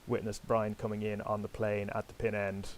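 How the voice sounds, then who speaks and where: A man's voice: lowish voice, completely flat delivery, normal speed, a little hiss or hum, low-quality recording. A man hosting and commentating online sailing races, chatty and self-deprecating, talking directly to his viewers. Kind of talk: live commentary over a sailing game.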